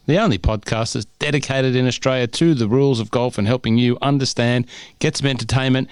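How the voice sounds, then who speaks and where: Recorded over a remote call from home on a cold winter day, a man co-hosts a podcast, joking and chatting casually and upbeat. He has a clear, resonant, medium-pitched voice, captured in studio quality with no room sound.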